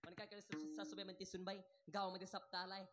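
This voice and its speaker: A male kirtan preacher, telling jokey village stories and quizzing his crowd for loud answers. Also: sits high, level tone, rapid-fire. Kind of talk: humorous devotional kirtan sermon.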